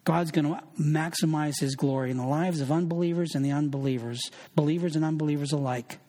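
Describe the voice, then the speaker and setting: Male pastor, earnest sermon delivery, slightly high voice, long reverb tail. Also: a little fast, mellow. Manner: earnest preaching, reads scripture aloud with quoted voices.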